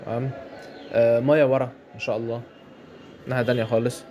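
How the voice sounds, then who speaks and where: A man's voice: mid-range voice, flat delivery, quick pace, dull audio, slight background noise. A man with an Egyptian Arabic accent giving chatty commentary over a mobile game match, often repeating his phrases. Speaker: gameplay commentator.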